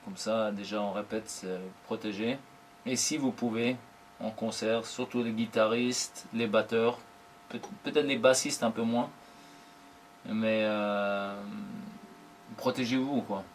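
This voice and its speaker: A man in his forties, a professional drummer, giving unhurried, thoughtful interview answers in short broken phrases. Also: lowish voice, fairly even intonation, a little hiss or hum. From Germany.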